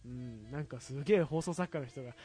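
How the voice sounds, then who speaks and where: A man's voice: medium pitch, fairly quick, warm tone. A man co-hosting a radio talk show in a playful, mock-dramatic casual chat.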